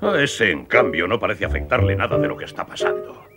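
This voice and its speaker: A man's voice: on the low side, sing-song, a little fast, loud music behind the voice. A man playing a blustering, hot-tempered middle-aged cartoon sea captain. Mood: puzzled. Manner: blustering, exclamatory. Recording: loud soundtrack behind.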